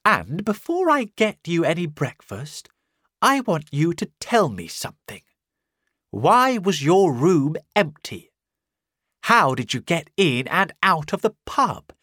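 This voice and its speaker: A reader voicing a worried, sharp-tongued innkeeper's wife who questions her strange guest. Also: medium pitch, big pitch swings, takes it slowly, no room sound, studio quality, voice pushed up, full character voice. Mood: demanding.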